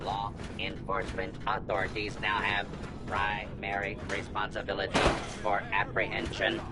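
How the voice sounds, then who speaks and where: A man voicing a stern male security robot in a video game, with a robotic voice filter and a flat commanding monotone. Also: fairly low pitch, normal speed, heavy background noise. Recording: game audio with loud music behind.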